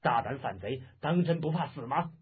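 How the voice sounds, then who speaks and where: A man's voice: on the high side, sing-song, normal speed, slightly rough, full character voice. A man voicing an arrogant, brutal army officer who barks his threats. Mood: contemptuous. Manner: barking, contemptuous. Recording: muffled, phone-like lo-fi audio.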